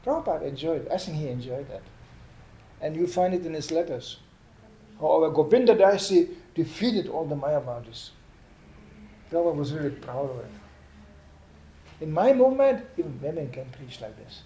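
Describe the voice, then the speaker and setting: An older man preaching in a lively storytelling manner, often adding "you know". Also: on the high side, moderate pace, pauses often. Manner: lively anecdotal telling with "you know" asides. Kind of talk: storytelling sermon. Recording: echoey room, faint background noise.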